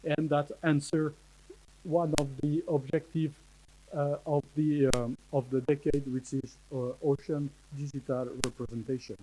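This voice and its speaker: A man with a French accent gives a conference talk in English, pausing often and restarting his phrases. His voice sits a little high yet sounds mellow and dark. A faint hiss runs under the recording. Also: little pitch movement, low-quality recording. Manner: halting, many fillers and restarts. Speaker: conference speaker. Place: conference hall.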